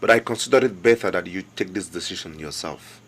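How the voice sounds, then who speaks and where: A man's voice: low-pitched, quick pace, a bit bright. An actor playing a respectful but insistent young local government chairman with a Nigerian accent, earnest and deferential while pressing his point. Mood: pleading. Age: young adult. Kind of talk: film drama acting.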